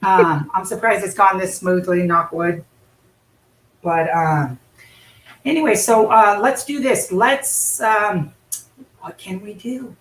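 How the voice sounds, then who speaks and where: A female livestream host chats loosely on a casual stream through an in-ear mic, her mid-range voice slow and broken by long pauses. She fills her talk with lots of fillers, and the room audio sounds echoey.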